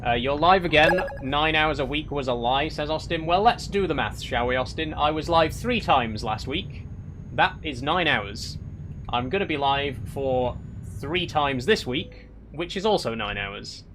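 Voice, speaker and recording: On a live stream, a young man from Yorkshire, England, chats through viewer comments in his Yorkshire accent, voice a touch high and expressive at a measured pace. Background noise is present, and his chatty delivery is full of restarts and gentle wry ribbing.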